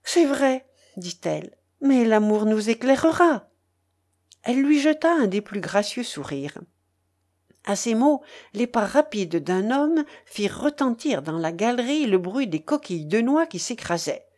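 A woman narrating a classic novel aloud in a measured, expressive storytelling manner. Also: mid-range voice.

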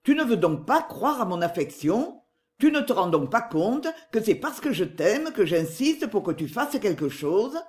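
Pushy, falsely tender middle-aged brother, voiced by the narrator, close to the narrating voice, lively in pitch. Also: unhurried. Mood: wheedling.

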